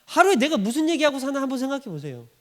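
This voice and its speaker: A man's voice: very high voice, very animated, very fast, a bit bright. A male pastor preaching a sermon in a church, acting out quoted voices and laughing often.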